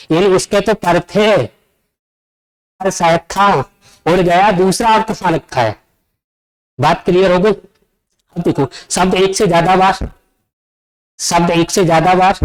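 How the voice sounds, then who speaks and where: A man with a high voice teaches an exam-prep grammar class. He explains step by step and keeps checking that the class follows with quick questions. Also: poor audio. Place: coaching classroom.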